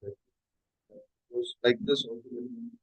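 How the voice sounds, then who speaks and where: A man lecturing over a video call whose connection keeps breaking up, so his words drop out. He talks at a middling pitch, pausing often with fillers and restarting sentences. The sound is dry and close, with no room around it. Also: level tone, slightly rough, no echo, poor audio. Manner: hesitant, many fillers and restarts. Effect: bad connection, voice cutting out. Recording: choppy online call audio, dry.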